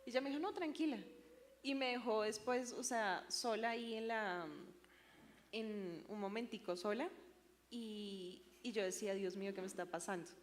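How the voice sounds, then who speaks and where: A woman's voice: on the high side, a little slow, in a large hall. A young woman, sharing a personal church testimony in a hesitant way with many fillers. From Colombia. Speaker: church member giving testimony.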